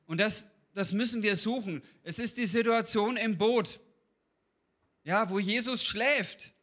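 A man with a high, bright and forceful voice preaches in a relaxed, conversational way. He talks to his listeners directly and asks them questions as he goes. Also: a little slow. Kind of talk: informal sermon.

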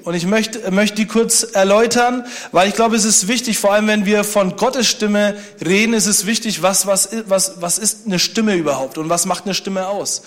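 A man preaching a sermon, speaking conversationally and joking with the congregation. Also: high-pitched. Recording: long hall reverb.

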